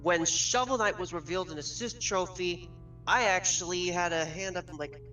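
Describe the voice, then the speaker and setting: A man's voice: high-pitched, moderate pace, pushed and bright. A man as a guest on a casual gaming chat, explaining his theories step by step in detail. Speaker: guest with leak source. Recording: far from mic, faint music.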